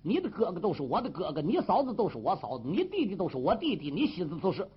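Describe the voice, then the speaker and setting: A male storyteller voicing an injured, hot-tempered warrior who swears loud brotherly oaths. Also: sits high, wildly swooping pitch, fast talker, breathy edge, lo-fi sound, full character voice. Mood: boastful.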